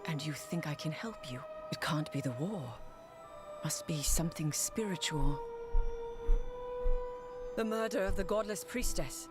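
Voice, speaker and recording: A woman's voice: deep voice, a little slow, pauses often. A woman voicing a stern, proud female general in a video game, speaking in a formal, authoritative way. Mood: probing. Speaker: game character. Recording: game audio with music underneath.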